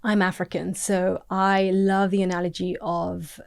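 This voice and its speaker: A woman's voice: fairly low pitch, level tone, unhurried, gravelly, clean tone. A woman from Zambia, a nutritionist guest, talking casually and expressively in an interview, laughing easily.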